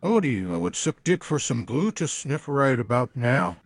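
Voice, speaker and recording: An AI voice clone imitating a crude male cartoon cat, speaking in a flat, synthetic, deadpan way. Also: medium pitch, normal speed, no echo. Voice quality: flat synthetic robotic delivery. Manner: deadpan, mispronounces odd words.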